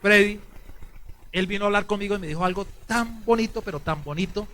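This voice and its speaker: Priest, fervent sermon, high bright voice, hushed then loud. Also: male voice, fairly quick, a little hiss or hum. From Colombia. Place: church.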